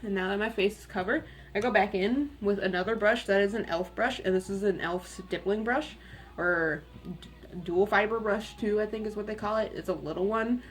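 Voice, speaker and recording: A young woman with a raspy voice, chatting candidly and rambling a little as she does her makeup in a get-ready-with-me video at home. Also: mid-range voice, normal speed. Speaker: beauty vlogger.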